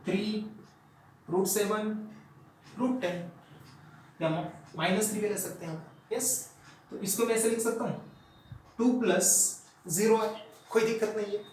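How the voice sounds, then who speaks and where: Man, Indian accent, math teacher, slow deliberate delivery, recorded from a distance. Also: sits high, a little mellow, a little hiss or hum. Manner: mixes Hindi and English, asks the class questions. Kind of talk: classroom math lecture. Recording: echoey room, voice from far off.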